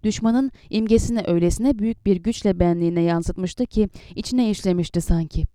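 A woman narrating an audiobook in a measured, steady reading voice, close to the mic. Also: medium pitch, no room sound. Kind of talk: scripted narration.

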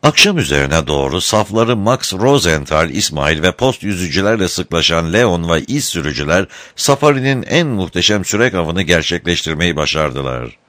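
A man narrating a novel as an audiobook, in a scripted, expressive storytelling manner. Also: low voice, moderate pace, hardly any pauses, no echo, clean studio sound.

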